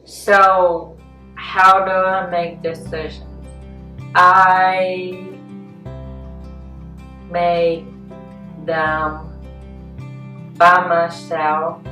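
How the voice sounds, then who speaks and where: Very slow, low-voiced young woman. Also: little pitch movement. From North Carolina, US. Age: 20s. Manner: halting, words spaced out with pauses. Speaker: interviewee. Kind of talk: personal interview. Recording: roomy room, distant mic, soft guitar.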